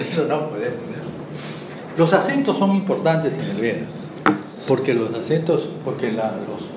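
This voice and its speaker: A man gives a rambling, friendly classroom lecture, chuckling at his own jokes and checking in with his listeners. He sounds far from the mic in a very echoey room. Steady background noise runs under the recording. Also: medium pitch. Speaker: teacher of Sanskrit and language.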